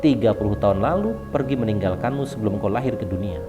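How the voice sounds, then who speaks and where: A male preacher voicing a faithful, patient wife in a quiet, low voice during a sermon story. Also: animated, fast talker, over music, close to an everyday voice. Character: faithful patient wife, young then old.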